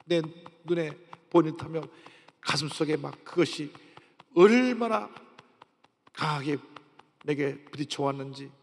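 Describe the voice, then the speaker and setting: A pastor in his sixties preaching a sermon and telling his own testimony, with sudden jumps between quiet and loud. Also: medium pitch. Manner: storytelling with sudden swings in loudness. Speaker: senior pastor. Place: large church sanctuary. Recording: long reverb of a large church hall.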